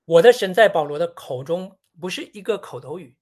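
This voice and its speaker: A preacher giving a sermon on a Bible passage in a measured, teaching tone, often posing rhetorical questions. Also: medium pitch, expressive, darkish tone.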